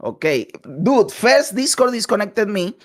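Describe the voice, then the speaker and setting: A man's voice: high voice, very animated, unhurried. Venezuelan-accented man telling a long story. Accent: Venezuelan Spanish. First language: Spanish. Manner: candid, long-winded, frequent "eh" fillers. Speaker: podcast guest, content creator. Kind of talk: casual interview storytelling. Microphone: voice call over Discord.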